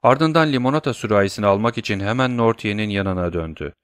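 A man reading a novel aloud in a measured, even narration. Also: on the low side, clear, resonant tone, dry recording, clean studio sound. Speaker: audiobook narrator. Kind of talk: scripted narration.

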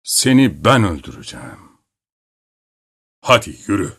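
A proud old Roman emperor, worn down and weary, as a male audiobook narrator puts him on. He speaks slowly in a deep, hushed voice. The recording is dry and close. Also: sing-song, slightly rough, no echo, heavily acted. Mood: resolute.

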